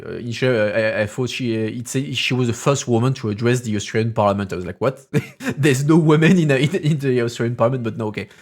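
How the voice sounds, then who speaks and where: Male streamer at a mid-range pitch, casual and thinking aloud, reads the news straight and then riffs on it dryly, with faint music underneath. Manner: reads articles aloud then breaks into loose, sarcastic asides; hesitant, many fillers and restarts while thinking aloud.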